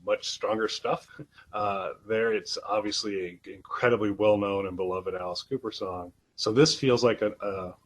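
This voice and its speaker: A man's voice: on the low side, fairly even intonation, normal speed, rough recording. A man co-hosting a casual album review podcast, talking in a hesitant way with many restarts. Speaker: podcast co-host.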